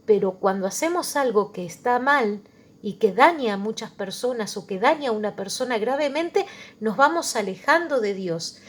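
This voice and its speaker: A woman's voice: a little high, animated, moderate pace. A woman with an Argentine accent giving a religion lesson to children, patient and plain, checking in often with her listeners. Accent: Argentine Spanish. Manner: patient, checks in with "¿eh?" and simple examples. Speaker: religion teacher. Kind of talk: slow catechism lesson for children.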